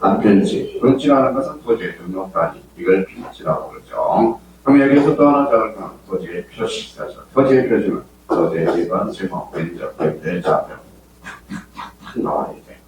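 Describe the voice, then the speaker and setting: A man's voice: sits low, animated, normal speed, hardly any pauses, a little mellow, recorded from a distance. An older man with a Gyeongsang accent gives a classroom lecture to exam students, constantly quizzing them with questions. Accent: Gyeongsang Korean. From Gyeongsang region, Korea. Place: lecture hall with live students. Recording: very echoey hall, voice heard from afar, faint hum.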